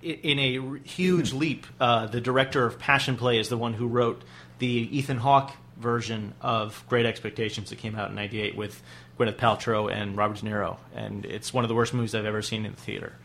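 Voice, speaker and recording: A man's voice: medium pitch, fairly even intonation, a bit bright, a little hiss or hum. Matter-of-fact male film critic guest. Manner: informed, measured, matter-of-fact. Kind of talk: casual film chat.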